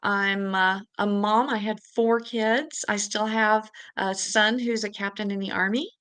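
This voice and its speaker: A middle-aged woman from the Czech Republic, a guest on a podcast. Her voice is bright and crisp, and she tells her story in a lively, chatty way. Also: mid-range voice, measured pace. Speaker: guest, suicide prevention advocate. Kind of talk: podcast interview.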